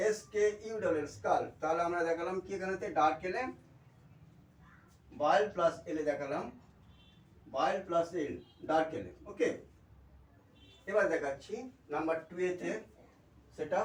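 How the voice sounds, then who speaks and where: A man's voice: high-pitched, reverberant, far from the mic, low-quality recording. A man from India with a Bengali accent teaching English pronunciation in a spoken lesson. He spells out letters, repeats example words and checks in with a frequent "okay".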